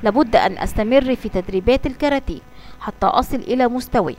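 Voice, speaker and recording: A woman's voice: on the high side, rapid-fire, soft background music, lightly acted. A woman voicing a stubborn, boastful boy who is a karate fan in a children's story. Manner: shouting karate cries.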